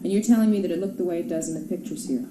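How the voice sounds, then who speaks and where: A woman's voice: on the low side, rapid-fire. A woman questions someone as an interrogator. She is formal and insistent, pressing the same pointed questions again. The recording is echoey with noticeable noise behind her.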